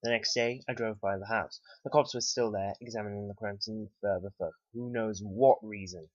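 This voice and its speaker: A man narrating a first-person horror story in a calm, unhurried way. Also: on the low side, no room sound. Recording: dry, slightly dull lo-fi home recording.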